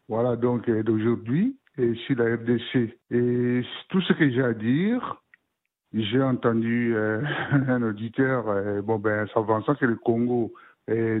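A man leaving an answering machine message for a radio show, talking haltingly and repeating words as he searches for them. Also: medium pitch. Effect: voicemail message played on air. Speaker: radio listener caller. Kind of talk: spoken opinion message. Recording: tinny phone-line voicemail.

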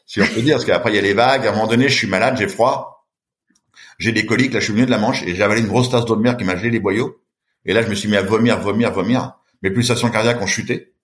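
Fast-talking animated French storyteller man. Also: on the low side. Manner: lively, acts out voices in his story. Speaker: guest, long-distance swimmer. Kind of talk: animated storytelling in a podcast interview.

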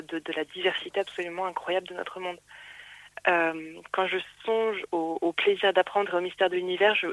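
A woman's voice: on the low side, a bit bright, no echo, low-quality recording. Earnest woman science journalist on phone. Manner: earnest and reflective, with hesitations. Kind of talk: radio interview by phone. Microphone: telephone.

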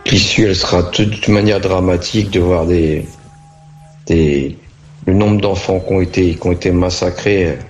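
Earnest, low-voiced male host. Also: fairly even intonation, normal speed, a little mellow, soft background music. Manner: earnest, hesitant, thinking aloud. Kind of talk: casual live discussion.

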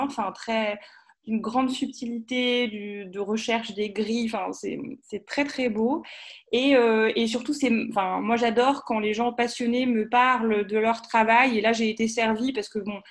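A woman giving a casual book review, often stopping to rephrase herself. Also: a little high. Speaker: podcast contributor.

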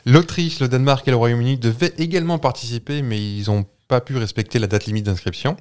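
A man's voice: medium pitch, fast talker, a little mellow. A man with a French accent co-hosting a casual podcast, explaining facts with many fillers and restarts. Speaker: podcast co-host. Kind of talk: casual chat.

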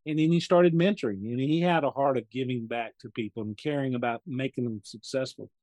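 A man's voice: medium pitch, fairly quick, darkish tone, dry recording. A man in his sixties from the United States, a guest chatting casually in an interview and telling rambling stories while acting out what other people said. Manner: rambling storyteller who acts out other people's lines. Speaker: podcast guest, real estate investor.

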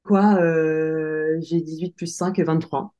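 A woman in her late thirties, a guest on a podcast, talks through her life in a relaxed, hesitant way. Her voice is warm and mellow. The recording sounds a bit dull and lo-fi. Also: low voice, slow pace. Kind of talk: casual conversational interview.

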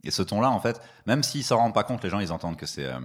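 A man's voice: animated, very fast. A man who does stand-up, chatting casually in an interview, slangy and laid-back, rambling as he goes. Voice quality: very deep voice. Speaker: stand-up comedian.

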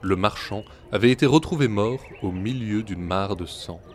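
A man with a low-pitched voice narrates old folk tales. His delivery is measured and deliberate, the pace of a practiced storyteller. Now and then he slips into the voices of his characters.

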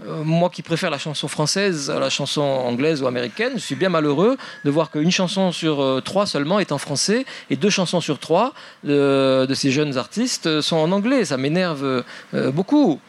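Man, author at a forum: slightly high voice, halting, self-mocking. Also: animated. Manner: hesitant, many fillers and restarts, wry self-mocking humor. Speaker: author presenting his book at a public forum. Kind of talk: public talk, then answering questions.

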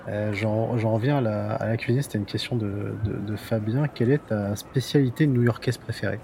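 A man's voice: fairly low pitch, steady tone, brisk, mellow, a little hiss or hum. Hesitant male interviewer, full of fillers. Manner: hesitant, many fillers, encouraging. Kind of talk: casual interview chat.

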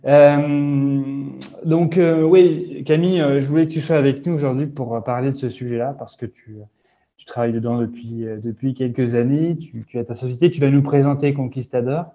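A man's voice: medium pitch, steady tone, normal speed, mellow, lo-fi sound. A man hosting a podcast interview, talking with many hesitations and fillers. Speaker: podcast host.

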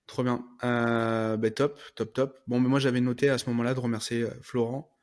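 A man's voice: medium pitch, flat delivery. A man hosting a podcast, chatting casually and enthusiastically with his guest, often saying how great things are. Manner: fast, enthusiastic, repeats "trop bien". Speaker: podcast host. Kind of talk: casual interview chat.

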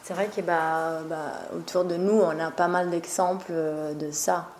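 Here a young café co-owner from northeast Italy chats as an interview guest, her voice on the low side and a little mellow. She talks a little slowly with fairly even intonation, sounding hesitant, full of fillers, and quick to laugh. Faint noise sits under a roomy recording.

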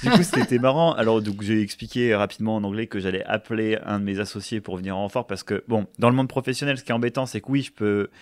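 Low-voiced young man telling anecdotes. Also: fast, few pauses, no echo, studio quality. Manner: animated storyteller, laughs through his anecdotes. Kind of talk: casual chat.

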